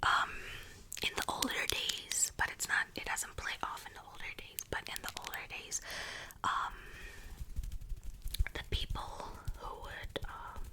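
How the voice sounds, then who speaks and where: A woman speaks in a soft, unvoiced whisper pressed close to the microphone. She talks in an unhurried, drawn-out way, rambling casually and stopping to correct herself mid-thought. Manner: rambling, self-correcting, chatty. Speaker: ASMR creator. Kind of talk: whispered ASMR movie recommendations. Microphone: close ASMR microphone.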